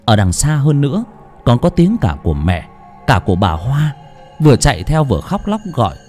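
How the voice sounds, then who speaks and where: Casting: male audiobook narrator, very lively pitch, tense first-person horror telling, faint music underneath. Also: moderate pace. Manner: dramatic, tense storytelling. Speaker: storyteller.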